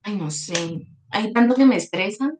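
A woman, a guest on a podcast, chatting in a bubbly, giggly way and talking loudly by her own account. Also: mid-range voice, animated, moderate pace, slight background noise. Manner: bubbly, self-admittedly loud, giggly. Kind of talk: casual chat.

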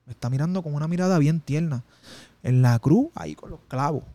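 Man, interview guest, emotional testimony, slightly high and dry-sounding. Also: fairly quick, warm tone, no echo. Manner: intense, emotional storytelling with street slang. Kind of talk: personal testimony in conversation.

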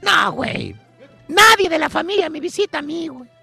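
High, gravelly Mexican comic radio host. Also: male voice, moderate pace, over music. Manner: animated, drawling, calls his partner caballo.

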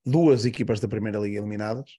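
A man's voice: fairly low pitch, very fast, mellow, husky. A man with a Portuguese accent, a panelist who talks football on a podcast, going over points and correcting himself as he goes. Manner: repetitive, listing points, self-correcting. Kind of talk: casual podcast football analysis.

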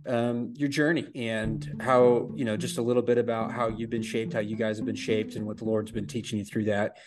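A young adult man hosting a podcast interview, wrapping up with warm, affirming, informal thanks. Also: lowish voice, little pitch movement, fairly quick. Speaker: podcast host.

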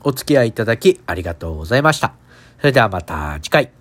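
Guy doing a solo podcast, kinda low nasal stuffy-nose voice, rambly and hesitant, keeps it casual and apologetic. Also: sing-song, quick pace, no echo. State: congested nose. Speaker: podcast host.

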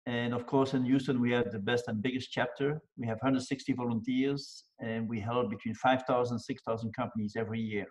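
A man's voice: medium pitch, a little mellow. Older man, dull lo-fi sound. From Belgium. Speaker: business mentor guest. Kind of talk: casual interview talk.

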